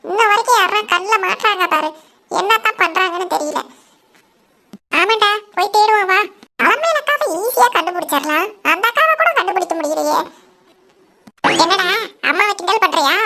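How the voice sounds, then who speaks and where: A woman's voice: very high-pitched, pushed and bright, a little hiss or hum, heavily acted. Woman doing giggly scheming cartoon pranksters. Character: mischievous young pranksters scaring a woman.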